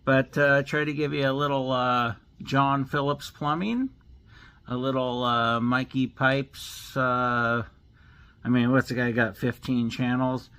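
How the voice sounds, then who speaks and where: A man's voice: mid-range voice, fairly even intonation, unhurried, fairly bright tone, smooth. A man who makes HVAC videos, chatting casually in a rambling, blunt way with some cursing. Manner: rambling and blunt, with mild profanity. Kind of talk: casual vlog chat.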